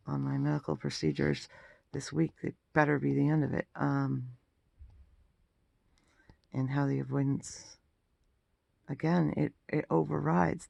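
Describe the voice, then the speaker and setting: A man giving a casual personal health update, sounding exhausted and groggy, with a gravelly, croaky throat and a halting delivery that trails off. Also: on the high side, darkish tone, no room sound. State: throat rough after intubation. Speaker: vlogger.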